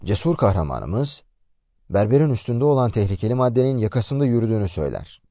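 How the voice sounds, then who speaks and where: A man retelling a story aloud in a lively, expressive way. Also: medium pitch, fast, dry recording, studio quality. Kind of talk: narrated story summary.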